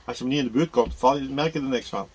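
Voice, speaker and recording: In a racing delivery, a man in his sixties with a mid-range, darkish voice and a breathy edge chats easily to the camera he holds at arm's length. His casual travel vlog about his camper trip is full of fillers and restarts, and it moves from the camper van's interior to the outdoors beside a river.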